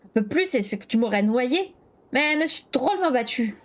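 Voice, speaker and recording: Cocky, unruly little boy with a squeaky, very high voice and clipped, childish phrasing, as a woman reading aloud puts him on. He sounds full of himself and a little wild. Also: expressive, a little slow, fairly bright tone, heavily acted. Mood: boastful.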